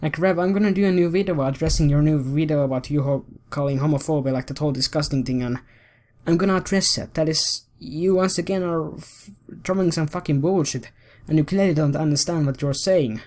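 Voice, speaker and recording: A man's voice: fairly high pitch, brisk, darkish tone. A man hosting a commentary video, ranting in a heated, profane and rambling way.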